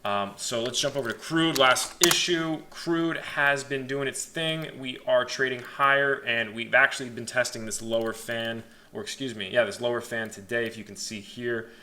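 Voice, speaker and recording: A man's voice: medium pitch, normal speed, hardly any pauses, pushed and bright. A young man giving casual, chatty market commentary to his viewers in an informal way, hedging his opinions as he goes. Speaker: host of a stock market analysis channel. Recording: faint background noise.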